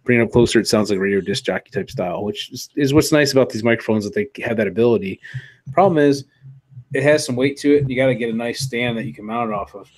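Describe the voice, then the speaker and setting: A man's voice: mid-range voice, fast, darkish tone. A man hosting a casual live stream from a home office, talking into a desktop studio mic, rambling with lots of fillers, restarts and mild swearing. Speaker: livestream show host. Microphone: desktop USB studio mic.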